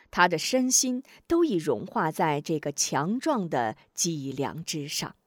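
A woman narrating a martial-arts story as an audiobook host, with an expressive storytelling cadence. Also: lowish voice, no echo, clean studio sound.

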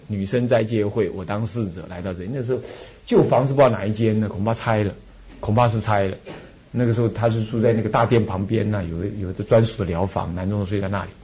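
A man's voice: lowish voice, darkish tone, breathy edge. A Buddhist monk and temple abbot with a Taiwanese Mandarin accent, giving a dharma talk full of personal stories, repeating phrases and chuckling as he tells them.

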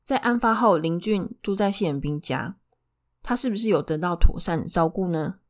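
A woman's voice: fairly low pitch, lively intonation, moderate pace. A woman with a Taiwanese Mandarin accent telling true crime in a conversational way as a narrator, putting questions to her listeners. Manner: poses rhetorical questions to listeners.

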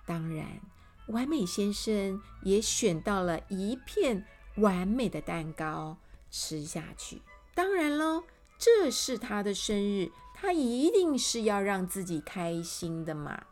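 Slow, animated woman storyteller for kids. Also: mid-range voice, faint music behind. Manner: animated, addressing children directly. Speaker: children's storyteller. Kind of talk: storybook reading for children.

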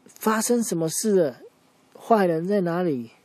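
A man voicing a brave, excitable male lion who leads a team of cats in a told children's story, speaking urgently in a raised voice. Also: fairly high pitch, moderate pace, dry recording, natural voice.

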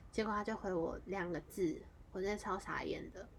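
A woman, hosting a podcast and casually telling a story in a chatty, animated way, running her clauses together with fillers. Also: brisk, a little hiss or hum. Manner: animated, jumps into high excited exclamations. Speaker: podcast host.

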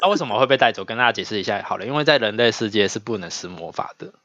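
Chatty low-voiced podcast guy. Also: lively intonation, very fast, sharp tone, dry recording, lo-fi sound. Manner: chatty storyteller, laughs often. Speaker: podcast co-host. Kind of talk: casual chat.

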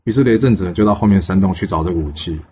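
Lowish-voiced male storyteller, lo-fi sound. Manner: lively, with many pause fillers. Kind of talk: storybook narration. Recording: dull lo-fi with faint hiss.

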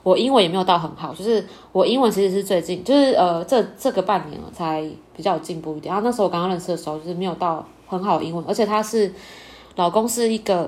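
A young woman, hosting a casual podcast chat and telling a story with lots of laughter and acted-out quotes. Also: lowish voice. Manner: animated, laughs often, acts out quoted lines. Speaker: podcast host.

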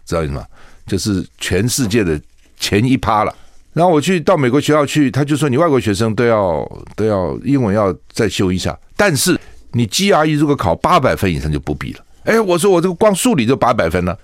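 A man's voice: lowish voice, no echo, clean studio sound. A man from Taiwan, hosting a radio talk show and arguing his point with one rhetorical question after another. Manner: argumentative, keeps asking rhetorical questions. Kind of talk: opinionated radio commentary. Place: radio studio.

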